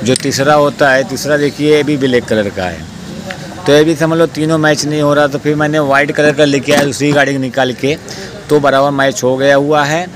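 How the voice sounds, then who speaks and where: A man working as a mechanic, giving a hands-on repair tutorial outdoors in plain, repetitive speech with many fillers. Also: mid-range voice. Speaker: motorcycle mechanic. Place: outdoor street repair spot. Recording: noisy outdoor street recording.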